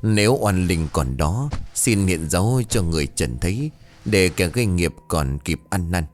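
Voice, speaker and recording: Stern old ritual master, solemn chanting tone, very deep voice, male narrator reading. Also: lively intonation, moderate pace, faint music behind. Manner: solemn, incantatory.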